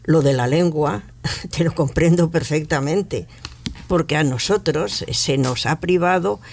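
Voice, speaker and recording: Woman from Catalonia, radio studio panelist; gravelly, emphatic, hesitant in places. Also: low voice, a little slow, darkish tone, a little hiss or hum. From Catalonia, Spain. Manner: earnest, emphatic, with frequent hesitations.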